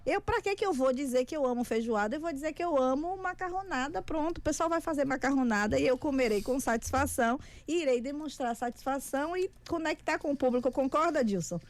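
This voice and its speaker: A woman author, a bit high for a woman, talks through a studio interview in a teaching manner. She lays out points with numbers and everyday examples, like someone giving a lesson. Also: animated, a little fast, hardly any pauses. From Feira de Santana, Brazil. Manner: didactic, explains with figures and examples. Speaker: author and communication guest.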